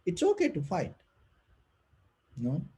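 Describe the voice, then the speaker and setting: Male meditation teacher, non-native English, breathy and husky, unhurried delivery with long pauses, gentle Dhamma talk. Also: high-pitched, wildly swooping pitch. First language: not English. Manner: gentle, halting, with frequent pauses and repeated phrases. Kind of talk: unscripted spiritual talk.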